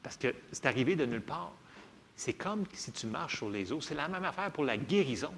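Québécois guy preaching, chatty sermon, kinda high voice, raspy fry in it. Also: normal speed, slight background noise. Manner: lively, conversational preaching with frequent "ok?" checks and acted-out voices. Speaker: pastor.

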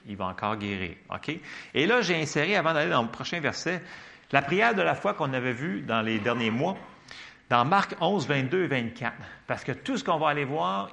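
Preaching with a Quebec French accent, this pastor speaks in a slightly high, creaky voice. He keeps the sermon animated and chatty, often pausing to engage his listeners.

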